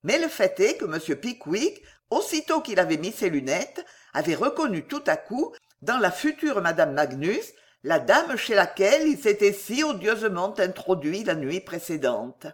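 A woman reads a classic novel aloud in a theatrical, expressive manner. Her intonation is lively, moving freely across a middle-pitched voice. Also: moderate pace. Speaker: audiobook narrator. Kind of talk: scripted narration of a classic novel.

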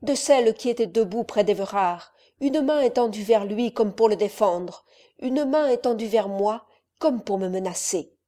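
A woman's voice: medium pitch, normal speed, warm tone, natural voice. A woman voicing a furious, cruel nobleman who is a father, speaking in a raised, contemptuous voice. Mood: haunted.

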